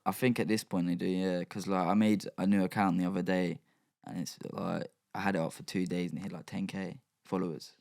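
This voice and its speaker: A man's voice: low-pitched, level tone, a little fast, creaky, darkish tone. A young man, chatting casually as a podcast guest, slangy and rambling with lots of fillers. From England. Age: young adult. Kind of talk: casual chat.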